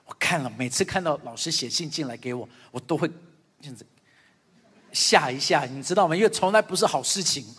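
On a church stage, a middle-aged male pastor delivers a sermon in a fairly high, brisk, slightly rough voice. He animatedly tells stories about his family, acting out what each person says, and his words trail off in a long reverb tail.

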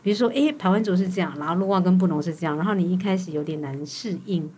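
A woman podcast host from Taiwan's Atayal community, who asks questions and adds frequent soft acknowledgments. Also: lowish voice, fast, slight background noise. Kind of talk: interview hosting.

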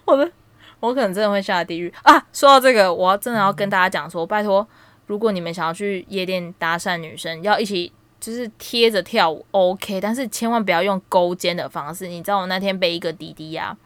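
Animated woman telling stories. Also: medium pitch, fairly quick, no echo. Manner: animated storytelling, laughs a lot. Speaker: podcast co-host. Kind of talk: casual chat.

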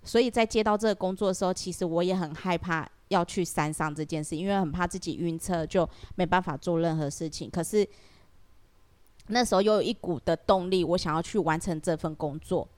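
A woman's voice: on the low side, brisk, a little mellow. A woman with a Taiwanese Mandarin accent, a podcast guest reflectively telling her own story with many fillers. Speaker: guest sharing her experience. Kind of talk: casual podcast conversation.

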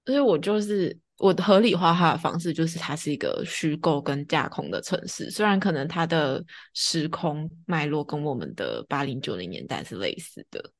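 A woman's voice: deep voice, animated, a little fast, hardly any pauses. A woman with a Taiwanese Mandarin accent, talking casually as a co-host in a conversational discussion. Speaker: podcast co-host reviewing TV drama.

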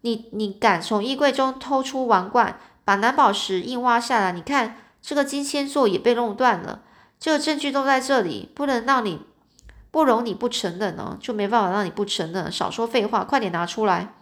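A woman's voice: fairly high pitch, normal speed, natural voice. A woman voicing a furious banker father. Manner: scolding, shouting accusations. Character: outraged middle-aged male banker father.

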